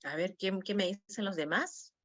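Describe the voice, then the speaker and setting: A woman's voice: mid-range voice, normal speed, dry recording, dull audio. Woman teacher online, reads the options out, says key words twice, dead dry mic. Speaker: teacher training instructor. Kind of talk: online class, going over quiz answers.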